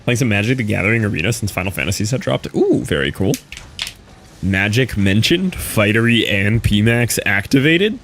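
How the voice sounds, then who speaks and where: A man's voice: on the low side, lively intonation, normal speed, a bit bright, slight background noise. A young man streaming a game, talking casually in a rambling, laid-back way with lots of fillers. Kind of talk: casual live-stream commentary while playing.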